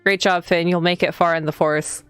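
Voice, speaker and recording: Over game music, a streamer reads a visual novel aloud and teases her viewers with giggly, playful asides during casual live commentary. Her voice is on the low side, steady, a little fast, fairly bright and clean.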